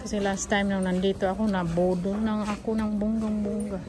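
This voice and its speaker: A woman's voice: mid-range voice, little pitch movement, normal speed, low-quality recording. A woman from the Philippines filming a casual shopping vlog, chatting along as she browses shops and a street market. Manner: chatty running commentary, calls companion "Day". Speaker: vlogger. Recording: crowd noise around. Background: crowd chatter.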